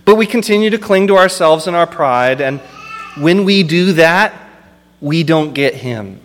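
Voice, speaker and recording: A male pastor delivers an impassioned sermon in a slightly high voice that swings widely in pitch. He speaks slowly and deliberately, building to emphatic peaks. Long reverb from the church hall trails each phrase. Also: lively intonation.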